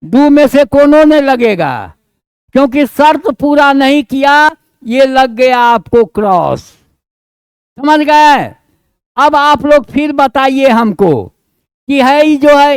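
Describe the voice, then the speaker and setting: With an extremely high pitch and lively intonation, a man speaks slowly and without echo. He's a grammar teacher with a Bihari Hindi accent teaching a class, keeping students engaged through questions and checks and using homely, colloquial scolding and coaxing.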